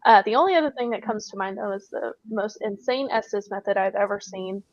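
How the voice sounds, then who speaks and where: A woman, a paranormal investigator, telling a story in a casual interview, brisk and excited. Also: medium pitch. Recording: dull, dry remote audio.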